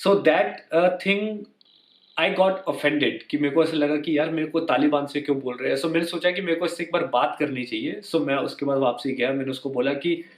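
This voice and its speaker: A man's voice: a little high, normal speed, echoey room. A young Indian man telling personal stories in a casual, conversational way, slipping English words into his speech and acting out the lines of the people in them. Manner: conversational, mixes in English words, acts out quoted dialogue. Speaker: vlogger. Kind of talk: personal storytelling to camera.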